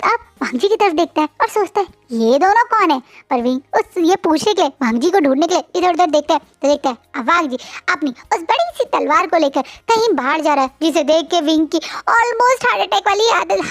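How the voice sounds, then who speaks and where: A woman's voice: very high-pitched, no echo. A woman retelling a fan story in a chatty, casual way with conversational asides.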